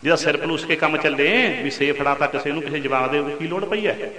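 A man preaching a Sikh katha sermon, his voice high and ringing. He draws out chanted scripture lines, then presses on with pointed rhetorical questions. The sound is bright and carries a long reverb, as in a large hall. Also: fairly quick.

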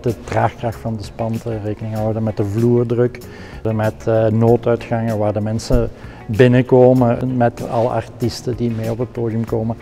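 A man's voice: mid-range voice, level tone, moderate pace, vocal fry, warm tone, faint music behind. A middle-aged man with a Flemish accent, a technical production director explaining his work in a practical, hesitant way with many fillers.

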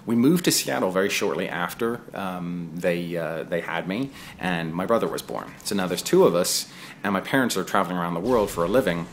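A man in his thirties with a low, deep voice talks over his own gameplay footage in a loose, conversational way. He drifts from the action into chatty personal asides, recorded as a home voice-over. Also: animated, brisk, a little hiss or hum. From England. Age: 30s. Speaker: gaming video creator. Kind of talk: casual voice-over commentary on gameplay.

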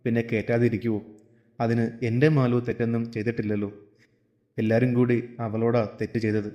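A man voicing a calm, detached elderly father in a storybook reading, speaking evenly and without fuss. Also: mid-range voice, a little fast, muffled recording, lightly acted.

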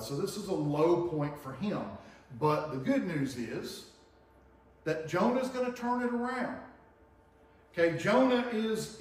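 A man's voice: a little high, recorded from a distance. Preacher man in a very echoey church. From Tennessee, US. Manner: conversational teaching, frequent "okay?" and "right?" checks. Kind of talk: sermon. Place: church sanctuary with projector screen. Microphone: room mic from far camera.

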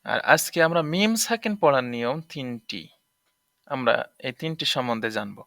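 A man's voice: medium pitch, big pitch swings, normal speed, creaky, fairly bright tone, no room sound, clean studio sound. A man teaching tajweed rules, explaining patiently and repeating each point to check understanding. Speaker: Quran recitation teacher.

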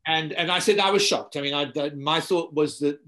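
A man's voice: on the high side, fairly quick. An older man, a guest philosopher, speaking in a casual interview over a video call from a home study, repeating words as he thinks. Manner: animated storyteller, repeats words while thinking. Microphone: video call laptop mic.

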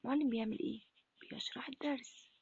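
A woman teaching Arabic to first graders in an Egyptian accent, asking questions and answering them herself in a breathy, half-whispered voice. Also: fairly high pitch, fairly even intonation, very fast, a little mellow, no echo, highs cut off. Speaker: primary school Arabic teacher. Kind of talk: recorded lesson for first graders.

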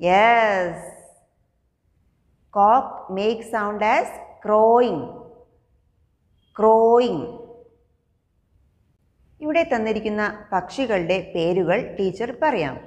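A woman with a Malayali accent teaching young children English, speaking slowly and repeating each new word. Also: mid-range voice, in a large hall. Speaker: primary school English teacher. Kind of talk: slow classroom lesson for young children.

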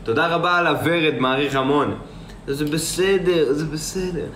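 On a casual live stream, a young man reads viewer comments aloud and answers them, rambling and frequently repeating himself. His voice sits a little high with a fairly bright tone, in a reverberant space with a slight hiss or hum.

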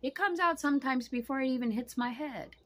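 Speaking a little fast in a high, fairly bright voice, a woman in her 60s vlogs from the couch in a small home room. She looks directly into the camera and talks bluntly and frankly, swearing without restraint in a casual monologue.

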